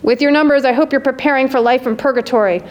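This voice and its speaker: A woman's voice: high-pitched, steady tone, fast talker, lightly acted. A woman voicing a gluttonous, bossy male demon boss who barks and scolds. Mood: scolding. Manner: barking, scolding.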